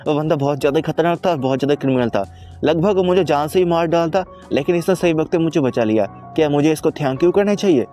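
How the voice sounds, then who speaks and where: A man's voice: on the high side, quick pace, dark tone, soft background music, natural voice. A man voicing a timid, panicky young woman who pleads and apologizes, without changing his own voice much. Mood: apologetic. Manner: pleading, fearful, then apologetic.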